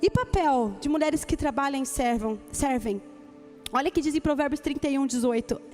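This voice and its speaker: A woman's voice: sits high, normal speed, a little mellow, faint music behind. A woman with a Brazilian Portuguese accent preaching a sermon as senior pastor, emphatic and acting out quoted voices. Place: church conference stage.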